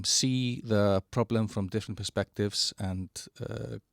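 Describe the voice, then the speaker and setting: A man giving a halting walkthrough of an online platform, with many fillers and restarts. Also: lowish voice, no echo, studio quality. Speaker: presenter of a digital platform. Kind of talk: screen-share product walkthrough.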